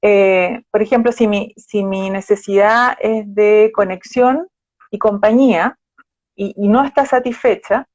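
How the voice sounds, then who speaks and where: A woman's voice: medium pitch, fairly even intonation, a little slow, darkish tone, no echo. A woman psychologist, patiently explaining with examples in a live conversation. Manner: patient, explanatory, gives examples with quoted phrases. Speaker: psychologist guest. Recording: dull, dry live-stream audio.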